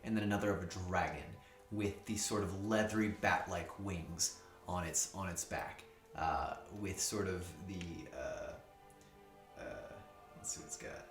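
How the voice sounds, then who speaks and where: A man's voice: sits low, steady tone, unhurried, reverberant, soft background music. A man narrating a tabletop game as game master, rambling and full of fillers.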